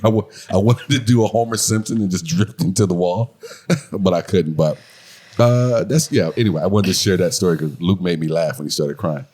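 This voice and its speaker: A man's voice: low voice, moderate pace, mellow, husky. A man co-hosting a casual podcast chat with his wife, joking and teasing, laughing often as he tells stories. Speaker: podcast co-host.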